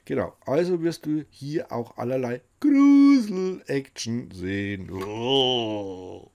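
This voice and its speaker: A man's voice: mid-range voice, gravelly, darkish tone. A middle-aged man chatting casually and jokingly as host, talking to himself and to the viewer in reaction commentary. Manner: jokey, talks to himself and the viewer. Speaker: host presenting another creator's channel.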